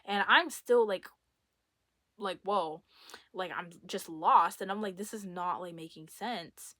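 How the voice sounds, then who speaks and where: A young woman content creator spills a long, winding story straight to her audience. She talks casually and animatedly, leaning on filler words as she goes. Her voice sits at a middle pitch and sounds dry and close, with no room echo. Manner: rambling, filler-heavy, animated. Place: indoors at home.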